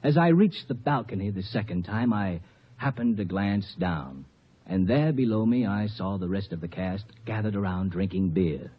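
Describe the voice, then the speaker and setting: A young man with a fairly low, husky, expressive voice speaks at a normal speed. He's an actor playing a bashful, clumsy young amateur actor who tells his story hesitantly and mock-formally in a 1950s radio commercial, sounding sheepish. The recording is muffled, like old radio.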